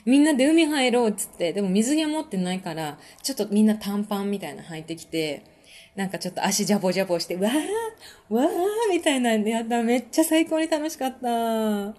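A woman hosting a casual live-stream chat with her listeners. She is relaxed and chatty, uses lots of fillers, laughs often, and reads out and answers viewer comments. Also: mid-range voice, fast. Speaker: podcast host and musician.

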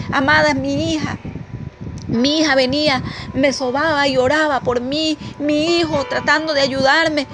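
A woman preaching a testimony sermon with fervent conviction, often calling her listeners "amadas". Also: high voice. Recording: music playing clearly behind.

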